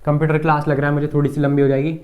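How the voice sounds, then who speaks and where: A man's voice: on the high side, flat delivery, very fast, phone-quality sound, a little hiss or hum. A man teaching a computer lesson at a board, asking the class questions and repeating key terms with frequent checks.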